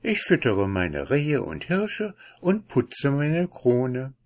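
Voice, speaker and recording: A man voicing a cheerful, carefree young princess in a fairy tale, with a bright, playful manner. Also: medium pitch, wildly swooping pitch, takes it slowly, voice pushed up, exaggerated voice.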